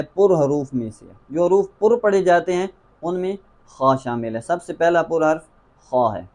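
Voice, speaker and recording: A man's voice: on the high side, a little mellow. Urdu-accented man teaching Quran recitation. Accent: Pakistani Urdu. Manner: drills letter sounds slowly, repeating each for the viewer. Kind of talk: tajweed lesson.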